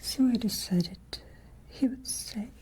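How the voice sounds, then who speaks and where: A woman playing a haughty, menacing, ageless vampire lady of a castle in a whispered ASMR roleplay, with deliberate, imperious delivery. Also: a little high. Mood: cold, wistful menace.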